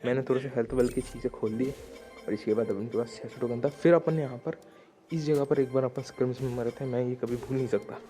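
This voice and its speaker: A young man giving casual, slangy, excited commentary over his gameplay highlights. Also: fast. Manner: excited, slangy, talks to viewers as "bhai". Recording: voice-over with loud background music.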